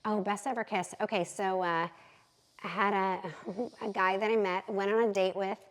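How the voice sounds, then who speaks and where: A realtor in her thirties, telling animated, candid stories as a podcast guest. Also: mid-range voice, normal speed, poor audio. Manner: animated, candid, acts out quotes. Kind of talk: lively storytelling in an interview.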